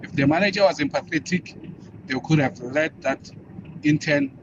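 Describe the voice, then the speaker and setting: A man's voice: fairly high pitch, normal speed. A man from South Africa speaking in a recorded voice message, hesitant and full of fillers. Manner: hesitant, with many uh fillers and restarts. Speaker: listener sending a voice note. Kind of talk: casual opinion. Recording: lo-fi voice note with background noise.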